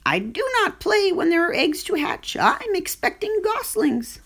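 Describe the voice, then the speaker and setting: A woman's voice: very high voice, sing-song, a little slow, gravelly, fairly bright tone, pitched above the performer's own voice, exaggerated voice. A woman voicing a broody mother goose who repeats her words in a singsong way, in a storybook reading. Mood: fussy.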